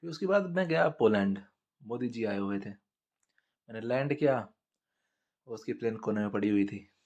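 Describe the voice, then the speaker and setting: A man's voice: fairly low pitch, expressive, normal speed, darkish tone, muffled recording. A man from India telling crude comic stories in a blunt, profane, conversational way. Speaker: storyteller. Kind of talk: crude comedic monologue.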